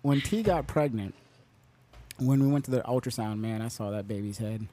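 A man's voice: mid-range voice, moderate pace, mellow. A man co-hosting a podcast, telling stories in a laid-back casual chat and laughing often. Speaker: podcast co-host.

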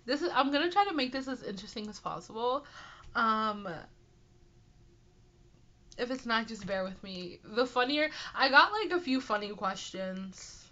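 A young woman talks casually in a nasal, congested voice, sounding sick. She rambles in an apologetic, self-deprecating way at a medium pitch. The home recording is dull and lo-fi. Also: bright, forceful tone. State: sick with a stuffy nose. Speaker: podcast host and aspiring author. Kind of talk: casual solo chat answering listener questions.

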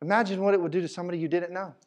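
A man preaching a sermon as pastor, telling stories in a lively, animated way with casual Southern phrasing. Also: high-pitched, racing. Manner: animated storytelling, Southern speech. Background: congregation responses.

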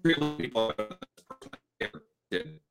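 A man's voice: mid-range voice, big pitch swings, fairly quick, music in the background. A man hosting a live stream in casual conversation over a video call. His audio keeps breaking up and cutting out, and he rambles and restarts his sentences. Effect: choppy video call audio breaking up.

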